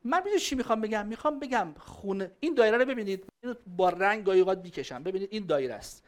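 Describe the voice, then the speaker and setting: A woman giving a lively religious lecture on family and parenting to a live audience. She speaks conversationally and answers questions from the audience. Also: mid-range voice. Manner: emphatic, conversational, acting out quoted voices.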